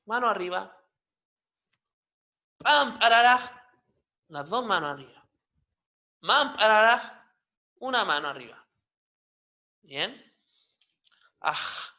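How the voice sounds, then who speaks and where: A man with a Chilean Spanish accent teaching a pronunciation lesson, repeating example words slowly with strongly stressed consonants. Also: high voice, sharp tone. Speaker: Aymara language teacher.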